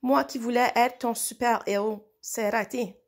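An eager, clumsy young wolf, given voice by a woman reader sounds earnest and a bit sheepish. The tone sits slightly high and bright, in a gentle storybook style. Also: steady tone, a little slow.

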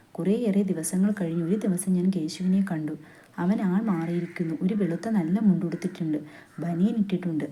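A woman reading a literary story aloud in a steady, unhurried narrating voice, with dialogue quoted along the way. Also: fairly low pitch. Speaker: story reader.

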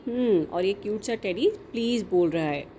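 A young woman teaching a kindergarten class, asking simple questions in a slow, sing-song teacherly way and mixing in English words. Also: mid-range voice, expressive, warm tone, slight background noise. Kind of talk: online class lesson for young children.

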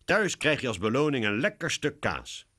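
A man's voice: medium pitch, big pitch swings, normal speed, sharp tone, pitched above the performer's own voice. A man doing a gloating cartoon cat catcher. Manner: mocking, gloating. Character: male cat catcher, gloating and mocking villain. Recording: music bed behind.

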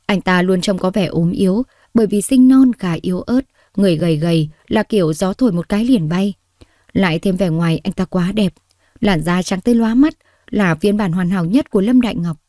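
A woman reads a story aloud with steady, expressive pacing. Her voice is mellow and warm in tone, recorded close and dry with no room sound. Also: medium pitch, fairly quick, no echo. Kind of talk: scripted story narration.

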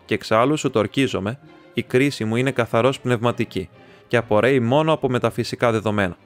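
A man reading the part of a talkative, excitable young male student who rambles, chats and teases his friend. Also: medium pitch, soft background music, lightly acted. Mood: chatty. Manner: rambling, chatty, teasing.

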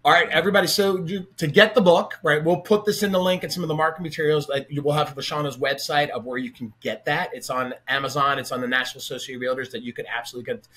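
A middle-aged podcast host talks with a guest over a video call from his home office, chatting energetically and casually through his webcam mic. His voice is a little high, bright and pushed, with a steady tone, and he speaks rapid-fire with few pauses.

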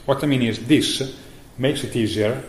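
A middle-aged man giving a conference keynote about software he maintains, speaking haltingly with many fillers and restarts. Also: medium pitch. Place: conference hall. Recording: echoey room with faint noise.

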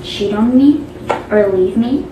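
A woman giving a deliberate, threatening monologue in a short social media video. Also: fairly high pitch. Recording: noisy, echoey, distant phone clip.

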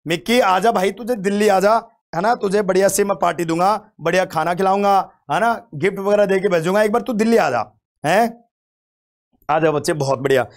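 A man's voice: sits high, a little fast. A man teaching English vocabulary in an online exam-prep lesson, playful and teasing, repeating words again and again and chatting to his students. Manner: addresses students as "bachche", chatty.

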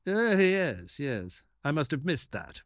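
A man's voice: on the high side, big pitch swings, slow, no room sound. An actor playing an earnest, easily baffled male ex-soldier doctor who narrates and talks in an audio drama. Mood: puzzled, amazed. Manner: hesitant, puzzled, earnest. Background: music.

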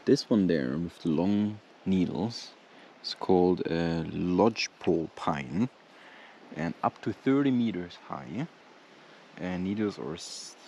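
A young man vlogging a camping trip, calmly reading out plant facts at a lakeshore campsite. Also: sits low, takes it slowly, a little hiss or hum. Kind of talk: casual vlog narration.

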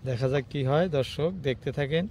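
A man's voice: a little high, a little fast, a little mellow. Man vlogging from a river boat. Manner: addresses viewers often, points things out as they happen. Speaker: fishing vlogger filming from a boat. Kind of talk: casual live commentary to viewers. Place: small wooden boat on a wide river, outdoors. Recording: faint wind, water and boat noise.

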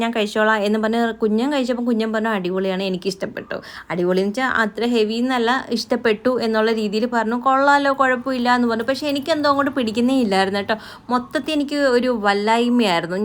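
A woman with a fairly high, smooth and clear voice narrates her vlog in a quick, chatty voice-over. She tells her day as a story and keeps adding a friendly "you know". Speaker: vlogger.

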